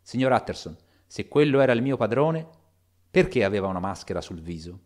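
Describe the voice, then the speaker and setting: A man's voice: fairly low pitch, lively intonation, fairly quick, darkish tone, lightly acted. A man voicing an elderly, frightened and loyal male butler in a spoken audiobook, with an urgent, pleading delivery. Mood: fearful.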